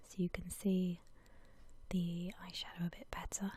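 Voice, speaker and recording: In a whispered ASMR voice-over, a woman who makes ASMR videos chats casually about makeup. Her lowish whisper is very breathy and soft, dark and mellow in tone. She stays gentle and unhurried within a narrow, even range.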